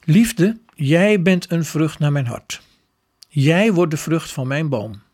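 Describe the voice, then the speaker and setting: A man voicing the Eternal One, a calm, fatherly male God in a storybook tale. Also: a little high, slow, husky, heavily acted.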